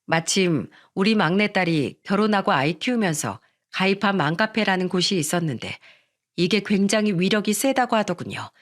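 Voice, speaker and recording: A woman telling a scripted first-person radio story in a steady storytelling way. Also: mid-range voice, normal speed. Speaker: story narrator.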